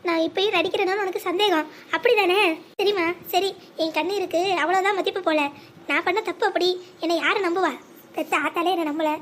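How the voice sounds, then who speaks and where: A voice actor playing a scheming grown daughter who argues and then pleads melodramatically, in a sped-up, pitch-raised cartoon voice. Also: fairly even intonation, brisk, a bit bright, slight background noise. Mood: pleading.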